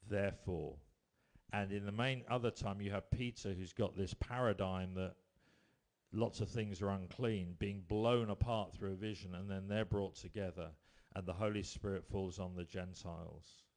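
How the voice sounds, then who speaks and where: A man preaching a sermon, telling stories with emphatic rises and quiet drops. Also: low voice, steady tone, normal speed. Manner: storytelling, rising to emphatic bursts then dropping quiet.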